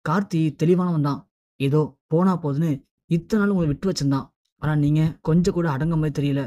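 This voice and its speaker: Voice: mid-range voice, fairly quick, dark tone, no room sound, studio quality, close to an everyday voice. A narrator reading the lines of a scornful, scheming woman who taunts her family in a retold TV serial. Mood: taunting. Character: scheming, mocking woman of the house.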